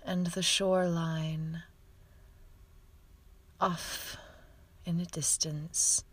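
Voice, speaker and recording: A woman leading a guided meditation in a soft, soothing voice that often drifts into whispers. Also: fairly low pitch, level tone, extremely slow, breathy edge.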